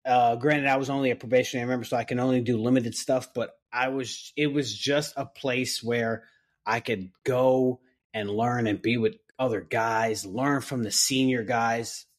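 A firefighter on a podcast, casually telling a story and acting out the lines of the people in it. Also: male voice, medium pitch, moderate pace. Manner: animated retelling, acting out others' lines.

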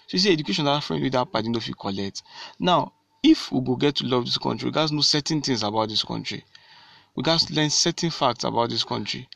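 A man's voice: medium pitch, gravelly, fairly bright tone, no echo. A man with a Nigerian accent speaking directly to fellow citizens in a civic talk, repeating key phrases and answering his own questions.

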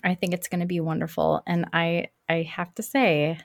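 A woman's voice: on the low side, little pitch movement, normal speed, gravelly, no echo, studio quality. A woman hosting a podcast, chatting casually with a guest in a gushing manner. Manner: warm, gushing, with restarts. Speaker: podcast host. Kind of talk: casual interview chat.

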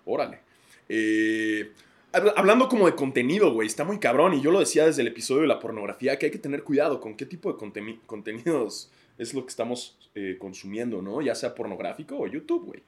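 A man's voice: medium pitch, lively intonation, quick pace. A man with a Mexican accent hosting a podcast, rambling crudely in a casual comedic monologue and laughing often. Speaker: podcast host.

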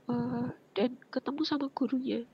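A woman, earnestly telling her personal story as an interview guest, often dropping into a soft breathy whisper. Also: on the high side, steady tone, moderate pace. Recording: muffled lo-fi with faint background noise.

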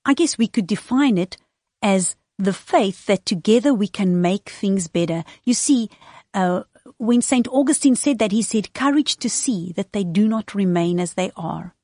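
Husky woman, motivational talk. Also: medium pitch, lively intonation, normal speed, dark tone, no room sound, clean studio sound. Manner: earnest, encouraging, addressing the listener directly. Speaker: radio speaker and host of a weekly values talk.

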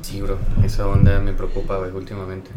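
A man's voice: low voice, completely flat delivery, brisk, very noisy. A man with a Mexican accent, a nurse, chatting casually on a podcast in slangy speech full of filler words. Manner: slangy, peppers speech with "güey", laughs while telling stories.

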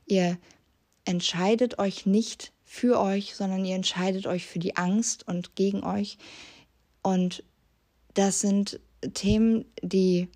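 A woman hosting a solo podcast, talking directly to the listener in an earnest, gentle way and posing many self-reflection questions with frequent restarts. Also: medium pitch, steady tone, slow pace. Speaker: podcast host.

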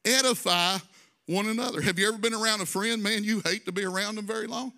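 A man's voice: high-pitched, fairly even intonation, quick pace, sharp tone. A male pastor preaching a conversational sermon, drawing phrases out in a sing-song and adding folksy asides.

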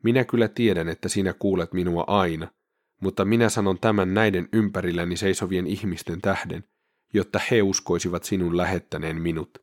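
A calm and earnest male teacher speaks in a very deep, even voice, as a man reads him aloud from scripture. The sound is close and dry. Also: dry recording, natural voice.

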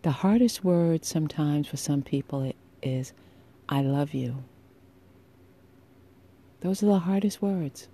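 Her voice sits low and warm, sultry and husky, as she hosts her podcast alone. Deliberate and intimate, she leans on emphatic pauses while offering listeners affection and encouragement.

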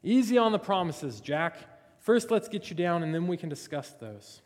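A man voicing God in a joke, speaking calmly and reassuringly. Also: on the high side, moderate pace, big-room sound, natural voice. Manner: calm, reassuring. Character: calm, gently amused male God voice.

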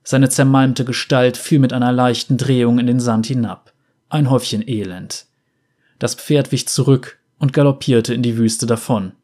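A male narrator reads a dark fantasy tale. His voice is mid-pitched and measured, with a dramatic storytelling delivery. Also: steady tone.

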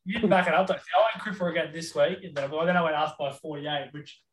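A man's voice: fairly high pitch, fairly even intonation, fast, a bit bright. A man with an Australian accent hosting a casual sports chat. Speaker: podcast host. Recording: roomy echo, distant microphone.

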